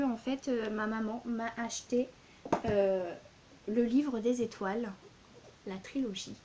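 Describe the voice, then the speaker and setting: Woman book vlogger, casual and gushing, many fillers, a bit high-pitched, light hiss on the track. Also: a little mellow. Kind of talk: casual book haul vlog.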